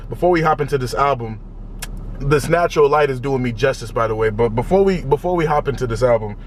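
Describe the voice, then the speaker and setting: A young man hosting a music reaction video, talking casually and excitedly in slangy, repetitive bursts. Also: mid-range voice, fast talker, a little hiss or hum. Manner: excitable, loud, slangy, repeats himself.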